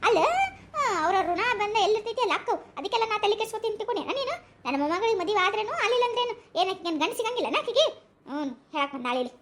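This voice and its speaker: A woman putting on a stubborn old village grandmother with a North Karnataka accent, shrill and very high, rattling off insults fast and coarse. Her scolding spills out quickly, with a faint hiss behind it. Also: animated. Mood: scornful. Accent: North Karnataka Kannada. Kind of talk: comic village sketch.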